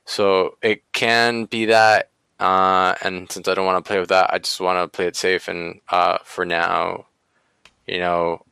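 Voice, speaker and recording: Slow, low-voiced man chatting hesitantly. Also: little pitch movement, gravelly, bright, forceful tone, smooth, no room sound. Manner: hesitant, many ums and likes. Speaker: podcast host. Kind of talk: casual chat.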